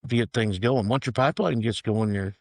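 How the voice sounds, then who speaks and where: A middle-aged man, a real estate agent, telling stories in a relaxed interview with dry humor. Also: on the low side, brisk, no room sound. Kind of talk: casual interview storytelling.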